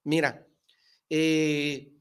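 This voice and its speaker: Male motivational host, slightly higher voice, punchy, fired-up, talks to listeners like a buddy. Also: drawn-out words, clear, resonant tone. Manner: emphatic and excitable, rhetorical questions, slangy. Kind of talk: motivational talk.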